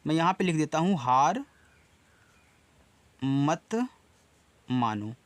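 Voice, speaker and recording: Male English teacher, Hindi accent, slow, patient spelling-and-repeat delivery, dry recording. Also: on the high side, big pitch swings, dry recording. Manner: slow, spells words letter by letter and repeats them. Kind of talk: casual spoken lesson.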